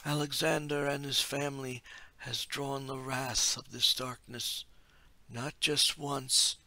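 Man putting on an ethereal male oracle, slow, soft, bright tone with a gravelly edge. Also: mid-range voice, flat delivery, no echo, pitched above the performer's own voice, exaggerated voice. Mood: solemn. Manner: slow, hushed and measured.

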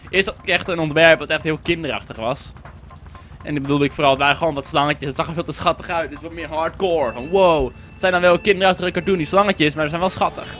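A young man from the Netherlands giving casual commentary on an online racing game, excitable and swearing as he plays. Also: a little high. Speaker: gaming YouTuber.

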